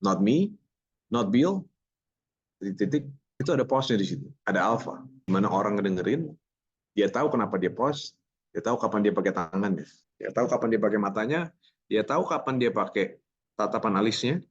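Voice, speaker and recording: This online voice workshop is led by a man with a lowish, slightly rough voice and a quick pace. He teaches public speaking energetically, jokes with the group, and mixes English words into his talk, all captured in somewhat muffled lo-fi sound.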